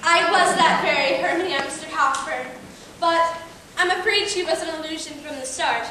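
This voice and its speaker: Woman acting a very high-voiced, earnest Victorian maiden. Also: moderate pace, pushed and bright, a little hiss or hum. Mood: confessing. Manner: formal, theatrical, earnest. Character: poor young Victorian daughter posing as refined actress. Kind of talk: theatrical stage comedy acting. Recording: very echoey, distant stage recording.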